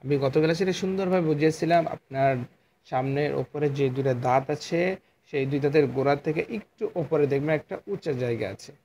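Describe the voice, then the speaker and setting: A man teaching Quran letter articulation in an online class, explaining slowly and repeating each letter sound for his students. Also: on the high side, dark tone, a little hiss or hum. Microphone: phone.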